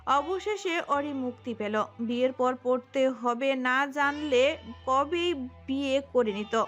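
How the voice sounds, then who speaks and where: A woman narrating a romantic audio story in an expressive storytelling manner. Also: high voice, slow, faint music behind.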